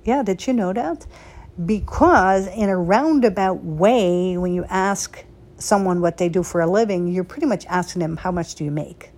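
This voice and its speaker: Hosting her own social media chat, a boutique owner from the Netherlands shares personal stories in brief, punchy bursts. Her voice is fairly low and darkish, her pace moderate, and her manner casual yet emphatic.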